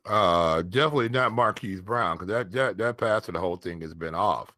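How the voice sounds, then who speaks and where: In clean studio sound without any echo, a low, pushed and bright male voice belongs to an American fantasy football analyst. He chats casually about sports in a halting way, often going back over words and phrases as his thoughts come together.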